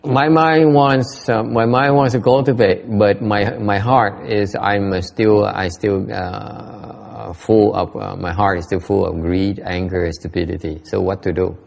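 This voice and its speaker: Gravelly-voiced man teaching with laughs. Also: lowish voice, fairly even intonation, slow, few pauses. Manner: repeats his words, laughs, switches between two languages. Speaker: Buddhist teacher. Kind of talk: bilingual dharma talk.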